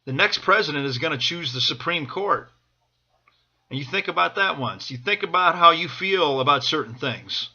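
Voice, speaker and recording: Male vlogger, higher-pitched and very forceful, urgent exhorting delivery, impassioned improvised rally-style pep talk, repeats phrases for emphasis. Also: expressive, normal speed, dull audio. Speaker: political supporter vlogger. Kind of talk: impassioned off-the-cuff political pep talk to camera.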